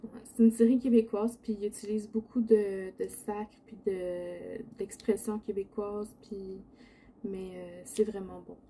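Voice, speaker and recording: Quebec french lady just chatting while she crafts, very soft dark morning voice, bit of background noise. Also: flat delivery, a little slow. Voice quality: low, sleepy morning voice. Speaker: diamond painting video host. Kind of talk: casual chat while crafting. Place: indoor home craft setup.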